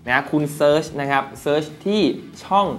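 A man giving a casual, upbeat product review with a chatty sales pitch. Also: moderate pace, fairly bright tone, soft background music.

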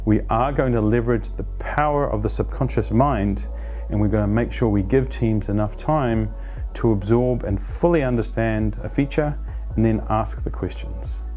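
A man in his fifties explaining a team planning practice to camera as an agile coach, conversational and animated, on a lapel mic in a plain studio. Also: fairly low pitch, moderate pace, soft background music. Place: plain studio against a light wall.

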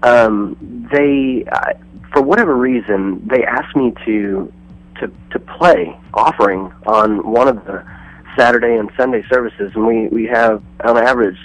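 A man's voice: medium pitch, a little slow, low-quality recording. A man calling in over the phone as a touring musician guest, rambling through stories and acting out what people said to him. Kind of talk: casual radio phone interview.

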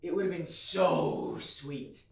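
A man's voice: a little high, takes it slowly, gravelly. A teenage boy acting in a student film, playing a boastful, flustered student who stammers. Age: teens. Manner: animated and stammering. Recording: roomy, distant school video.

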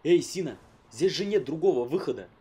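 A man's voice: a little high, animated, a little fast, warm tone, slight background noise, natural voice. A man voicing a cheeky young thief hero. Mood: sly. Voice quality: cocky, playful. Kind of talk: animated film dub. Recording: film dub with music underneath.

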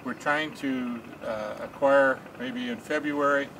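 A man's voice: medium pitch, steady tone, slow pace, background noise. A man from the United States hosting a wine tour on an outdoor terrace, asking questions and keeping his replies short. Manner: short acknowledgments. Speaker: wine show host. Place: outdoor terrace over vineyards.

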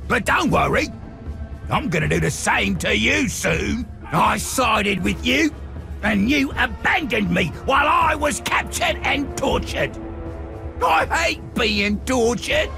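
Gravelly, sadistic orc villain. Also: male voice, very high voice, expressive, takes it slowly, shouting, over music, exaggerated voice. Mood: vengeful anger. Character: vengeful tortured male orc, sadistic and menacing.

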